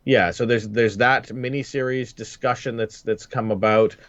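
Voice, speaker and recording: A man co-hosting a podcast in casual chat, halting and repeating words as he talks. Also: mid-range voice, fairly even intonation, fairly bright tone, highs cut off. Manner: halting, repeats words while searching for them. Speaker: podcast co-host.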